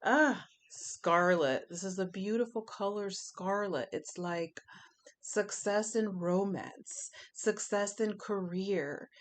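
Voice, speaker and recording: A woman's voice: mid-range voice, takes it slowly. A woman giving a chatty pick-a-pile tarot reading, emphatic and fond of repeating her phrases. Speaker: tarot reader.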